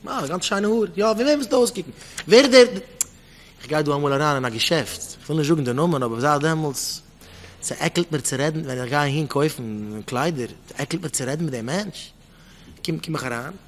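A man's voice: fairly high pitch, expressive, a little fast, a little hiss or hum. A man preaching with pointed questions. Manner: repeats pointed rhetorical questions, mixes in English words. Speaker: rabbi giving a Torah talk.

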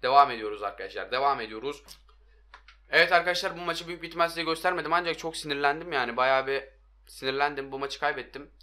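Young man, gameplay commentary, bright ringing voice, slightly raised pitch, hoarse, excitable. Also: fast. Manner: excitable, shouts at players, addresses viewers. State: hoarse from shouting. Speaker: mobile game streamer.

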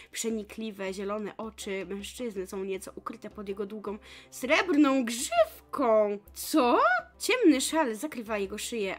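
A young woman reading a visual novel aloud as narration, breaking off into excitable, gushing reactions with laughing asides. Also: mid-range voice. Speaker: let's play streamer.

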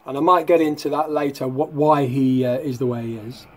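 A man's voice: medium pitch, fairly even intonation, a little fast. A man hosting a casual vlog, talking in a mocking, sardonic way. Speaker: YouTube host.

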